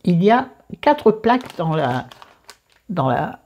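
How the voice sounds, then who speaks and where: A woman chatting her way through a home recipe demonstration in a dark, mellow tone with a husky grain. She wanders off into joking asides to herself, then drifts back to the steps. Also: lowish voice, sing-song, slow, muffled recording. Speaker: cooking vlogger.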